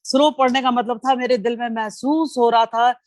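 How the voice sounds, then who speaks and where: A woman's voice: a little high, fairly even intonation, moderate pace, no echo. A woman giving an effusive spoken critique of poems at a poetry session, exclaiming and quoting lines with feeling, over a video call.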